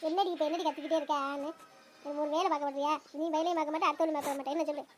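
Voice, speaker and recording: A woman voicing a bossy older mother-in-law in a comedy cartoon, scolding in rapid-fire bursts. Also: high-pitched, fairly even intonation, slight background noise, lightly acted.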